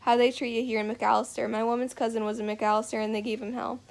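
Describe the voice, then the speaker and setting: A woman's voice: on the high side, little pitch movement, fast talker, vocal fry. A woman reading the lines of a lonely, bitter middle-aged farmer man who rambles in a drawling rural dialect. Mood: talkative.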